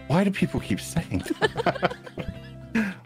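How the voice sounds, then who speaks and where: A man's voice: high-pitched, huge pitch swings, slow pace. A man streaming a game, chatting casually and teasing his co-player, swearing a lot and laughing often. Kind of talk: casual gaming chat. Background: game music.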